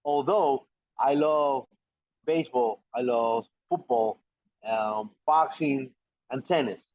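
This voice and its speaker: A man's voice: mid-range voice, takes it slowly, dry recording, muffled recording. A man from Ecuador with an Ecuadorian Spanish accent, chatting casually as a soccer guest over a video call and often repeating his words. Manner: repeats words, friendly and self-assured. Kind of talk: casual podcast chat.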